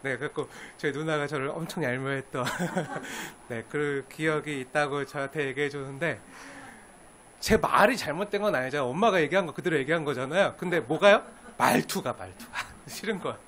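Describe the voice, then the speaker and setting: Male pastor, higher-pitched, warm teaching sermon, playful quoted asides. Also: fairly quick, slight background noise. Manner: animated, acts out quoted lines with laughter.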